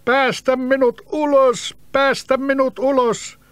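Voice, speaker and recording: A man voicing a huge, scheming male spirit trapped in a bottle, calling out in slow, drawn-out phrases in a storybook reading. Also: little pitch movement, echoey room, long reverb tail. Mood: pleading. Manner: slow, drawn-out, booming calls.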